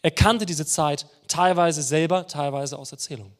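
A man's voice: on the high side, normal speed. A man preaching a sermon in a conversational way, putting rhetorical questions to the congregation.

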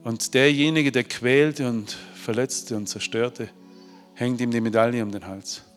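A man tells a heartfelt story to a crowd, rising to loud bursts and then dropping to near-hushed tones. His voice rings with long hall reverb. Faint music plays underneath. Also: mid-range voice, steady tone, a little slow. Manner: emotional, swings from loud to hushed. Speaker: speaker. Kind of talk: motivational storytelling talk. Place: large hall.

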